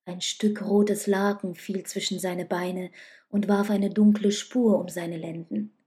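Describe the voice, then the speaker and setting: A woman reading a novel aloud as calm, slow audiobook narration, at times dropping to a whisper. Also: medium pitch.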